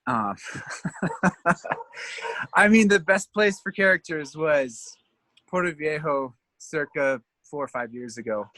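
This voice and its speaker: A man's voice: a little high, slow, long pauses, bright, forceful tone, dry recording. A man from Canada, a tour guide, telling rambling stories in a casual interview, laughing often and leaning on fillers.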